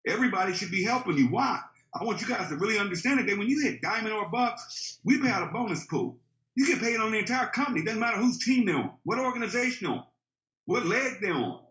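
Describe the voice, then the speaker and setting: A man in his fifties delivers a motivational training talk in an emphatic, preachy way, hammering points home with rhetorical questions. His voice sits a bit high for a man. The recording is roomy and slightly dull. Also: sharp tone. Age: 50s. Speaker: network marketing trainer.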